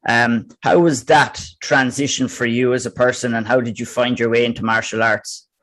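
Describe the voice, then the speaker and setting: A man's voice: medium pitch, level tone, moderate pace, a bit bright. A man hosting an interview, asking polite, structured questions. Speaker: podcast host interviewer.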